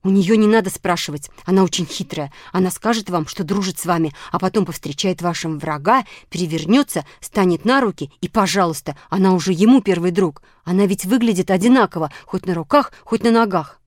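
A woman voicing a flustered, tearful female letter of the alphabet in a children's audiobook, talking loud and high. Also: fairly quick, hardly any pauses, no echo, studio quality, natural voice. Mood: warning.

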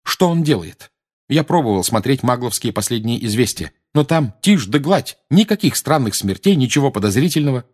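A man with a husky voice reading aloud, voicing an earnest, determined teenage boy wizard who talks eagerly and insistently. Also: medium pitch, big pitch swings, moderate pace, darkish tone, voice pushed up.

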